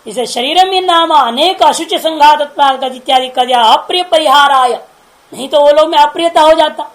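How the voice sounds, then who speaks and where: A woman spiritual teacher with a higher voice gives an informal, chatty talk, laughing and repeatedly checking in with her listeners. She speaks at a normal speed, and the audio quality is poor.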